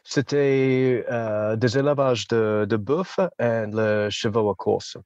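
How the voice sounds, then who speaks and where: A man's voice: medium pitch, steady tone, takes it slowly, a little mellow, dry recording, dull audio. A man from Australia with an Australian accent, speaking French as a second language, hesitant and searching for words as an interview guest. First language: English. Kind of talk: casual interview chat.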